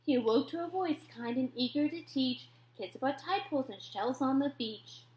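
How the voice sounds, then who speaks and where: A woman reading a rhyming children's story aloud, expressive and dropping to whispers at tense moments. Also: sits high, normal speed, noisy background. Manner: expressive, drops to whispers for suspense.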